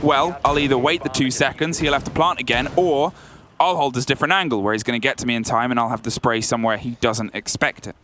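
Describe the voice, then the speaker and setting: A man's voice: mid-range voice, quick pace, a bit bright, a little hiss or hum. A man working as an esports caster, calling live play-by-play in dramatic, colourful phrases.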